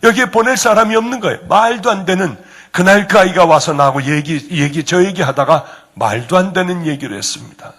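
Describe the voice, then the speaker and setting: A male pastor preaching a sermon, telling a personal story and softly voicing the people in it. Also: brisk. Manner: acts out dialogue in soft low tones, rising emphatic at climaxes.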